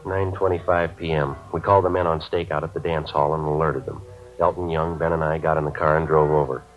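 An actor playing a terse male police sergeant who narrates his case in a clipped, deadpan way, heard as an old AM radio drama broadcast. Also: rumbling low, brisk, music in the background. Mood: flat. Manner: clipped, deadpan report of times and facts. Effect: old AM radio broadcast sound. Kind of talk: 1950s radio drama acting. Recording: muffled lo-fi 1950s AM radio broadcast.

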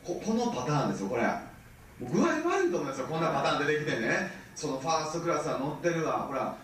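A man in his thirties with a Kansai accent, giving an animated seminar talk and often checking that the audience follows. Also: fairly high pitch, slight background noise. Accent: Kansai Japanese. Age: 30s. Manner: animated, keeps checking the audience with rhetorical questions. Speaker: business seminar speaker. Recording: very echoey, mic far from speaker.

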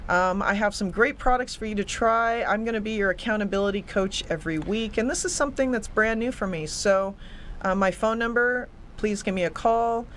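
A woman's voice: medium pitch, fairly quick. A young woman speaks earnestly as an interview guest, often doubling words when she gets going. She sits at a desk microphone in a small studio, with a faint hiss under her voice. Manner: earnest, eager, repeats words when excited. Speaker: fitness coach and guest. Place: small studio set with a city backdrop. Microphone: desk microphone on a stand.

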